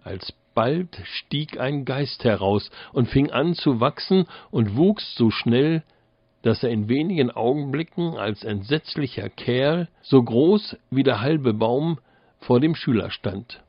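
Slow, measured male fairy tale narrator. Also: mid-range voice, expressive, no echo, muffled recording. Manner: measured, deliberate storytelling. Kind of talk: fairy tale audiobook reading.

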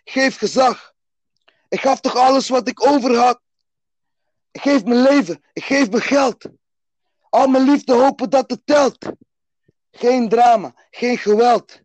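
A man's voice: very high voice, a little mellow, dry recording. A man rapping his own heartfelt verses with an intense, rising delivery, then chatting casually. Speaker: guest performer.

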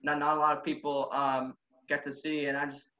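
A man's voice: on the high side, level tone, fairly quick, bright, forceful tone. A young man hosting a podcast, talking in an eager, casual way with lots of fillers. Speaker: podcast host. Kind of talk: casual interview talk. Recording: roomy, dull lo-fi sound.

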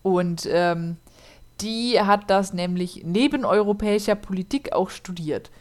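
Narrating a true crime case as co-host of a laid-back podcast, this woman speaks a little slowly in a mid-range voice with a darkish tone. She's chatty, laughs a lot, and fills her speech with fillers.

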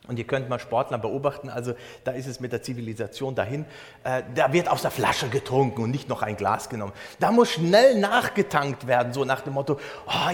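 A German pastor preaching in a conversational way, explaining a Bible verse with everyday examples. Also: male voice, medium pitch. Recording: long hall reverb.

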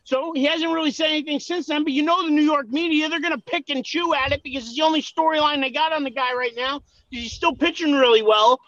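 Man, sports podcast co-host, argumentative, restarts sentences, high voice, dull lo-fi sound. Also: quick pace, few pauses, sharp tone, no room sound. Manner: argumentative, explains with many restarts. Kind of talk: casual sports talk.

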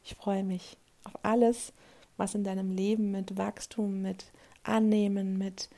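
A woman coach talks straight to her listener in an earnest motivational monologue. Her voice sits at a middle pitch with a steady gravelly fry. She often checks in with a quick question for agreement. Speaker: life coach.

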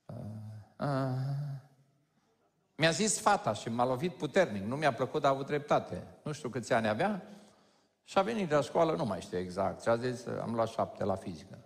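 Lively man preaching in a reverberant church. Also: mid-range voice. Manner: lively, joking, addresses the audience directly. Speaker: pastor. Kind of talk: conversational sermon to a congregation. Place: large church hall. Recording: long hall reverb.

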